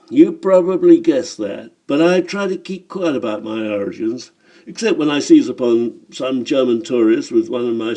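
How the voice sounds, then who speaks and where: A man's voice: mid-range voice, mellow, close to an everyday voice. A man voicing a boastful, sly middle-aged German swindler in an audiobook story, talking with a chuckle.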